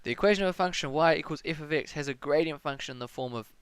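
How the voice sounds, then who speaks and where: A man's voice: on the high side, fast talker, clean tone, no room sound. A young man with a New Zealand accent tutoring maths on a live stream, thinking aloud and answering chat questions in a casual way.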